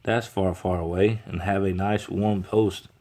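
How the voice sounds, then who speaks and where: A man reading a storybook aloud, voicing a quick, matter-of-fact male postal clerk who takes pride in his work. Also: sits low, steady tone, mellow.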